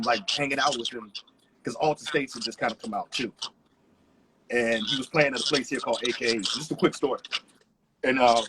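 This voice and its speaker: Background noise accompanies a mid-range male voice as a resident DJ spins relaxed, meandering stories on a video call. It's a casual interview, and his speech is peppered with "you know."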